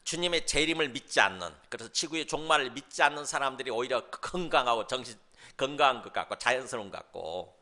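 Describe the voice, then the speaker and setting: A man's voice: fairly high pitch, sharp tone. A male pastor giving a sermon in a conversational way, asking rhetorical questions and briefly mimicking scoffers. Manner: mimics scoffers in mocking asides.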